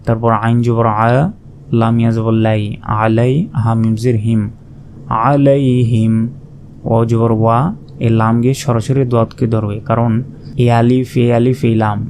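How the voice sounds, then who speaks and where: A man teaching recitation, spelling out each syllable slowly and then reciting with long drawn-out vowels. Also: medium pitch, monotone, mellow, slight background noise. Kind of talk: slow spelled-out pronunciation lesson.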